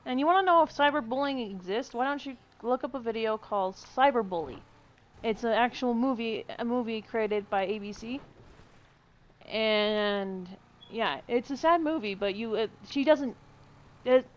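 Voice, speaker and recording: A woman with a slightly high voice chats on a casual podcast. She rambles from point to point and fills the gaps with ums. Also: normal speed. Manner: chatty, rambling with fillers. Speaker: podcast co-host.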